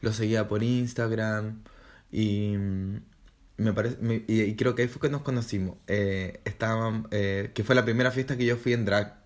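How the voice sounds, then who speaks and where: A young drag performer with a Chilean accent, talking in a relaxed podcast interview and often pausing to search for words. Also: male voice, on the low side. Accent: Chilean Spanish. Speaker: drag artist guest.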